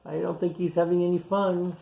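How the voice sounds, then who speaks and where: A man with a high-sitting, creaky voice and very little pitch movement reads a picture book at a children's storytime, captured in lo-fi sound. He stops now and then to point out the pictures, commenting in simple phrases he repeats.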